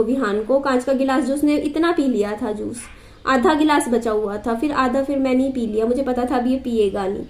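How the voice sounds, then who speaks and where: A young woman vlogger telling a long everyday story to the camera in a chatty, repetitive way. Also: high voice. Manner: chatty, repeats herself, asides to her child. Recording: echoey room.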